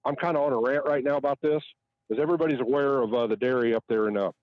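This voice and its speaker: Older trucker calling in, opinionated and ranting, muffled phone-like line, dry. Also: male voice, medium pitch, fairly even intonation, racing, no echo. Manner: ranting, opinionated, repeats himself. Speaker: livestock truck driver and fellow show host. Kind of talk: phone-in chat. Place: outdoors at a truck loading site.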